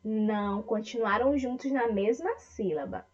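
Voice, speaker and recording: A woman teaching an online lesson to young children, speaking with a Brazilian Portuguese accent. She talks slowly and breaks words into syllables, often asking the class questions. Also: fairly high pitch, a little mellow, dull audio. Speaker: primary school teacher.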